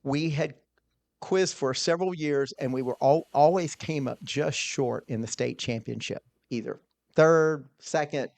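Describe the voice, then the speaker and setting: A man's voice: fairly high pitch, unhurried, creaky, a little mellow. A middle-aged man, a small business owner, telling a personal story in an earnest, conversational way, often restarting his words.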